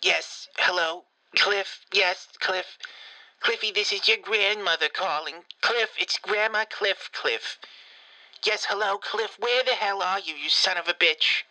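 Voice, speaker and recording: A man's voice: high voice, unhurried, bright, forceful tone, full character voice, poor audio. A man voicing a foul-mouthed, rambling old grandmother leaving a voicemail, doting one moment and cursing the next. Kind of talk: comedic prank voicemail.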